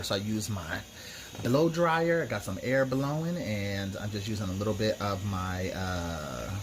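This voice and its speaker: A man with a fairly low voice talks viewers through a makeup tutorial, full of slangy chatter and asides, with the sassy, campy manner of a drag queen. There's noise in the background.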